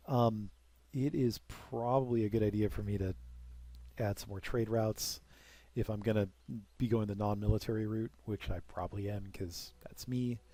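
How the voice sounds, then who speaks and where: A young let's play commentator with a mellow, lowish voice chats casually while playing a strategy game. He rambles, tossing in asides and self-deprecating jokes.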